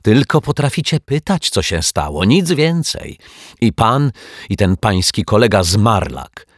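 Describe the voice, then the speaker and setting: A man's voice: big pitch swings, measured pace, slightly rough, no echo, studio quality, exaggerated voice. A man voicing a grumpy, scolding elderly widow neighbor who nags indignantly. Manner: nagging, indignant, shrill.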